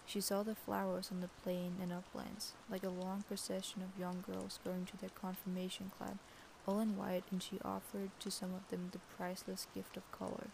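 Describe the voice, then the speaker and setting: A woman reads a fairy tale aloud in an easygoing, unpolished way, now and then tripping over a phrase. Her voice is gravelly and stays level, with little rise or fall. A faint hiss sits under the recording. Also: mid-range voice, completely flat delivery. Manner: reads slowly, stumbling over words, laughing at the text. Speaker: storybook reader.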